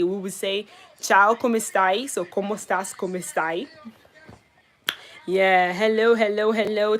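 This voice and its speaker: A woman's voice: medium pitch, a bit bright. Chatty young woman hosting a livestream. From Italy. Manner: chatty, greets viewers by name between story bits. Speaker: livestream host. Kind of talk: casual livestream story time.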